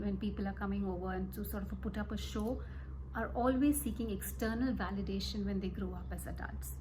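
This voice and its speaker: A woman giving an explanatory coaching talk as a parenting coach, in a gentle, reassuring manner. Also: mid-range voice, slight background noise, rough recording. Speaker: mindset and parenting coach, host.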